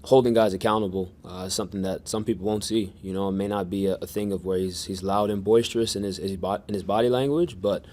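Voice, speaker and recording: A man answering questions at a press conference in a monotone, measured way with many restarts. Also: deep voice. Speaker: soccer defender at press conference.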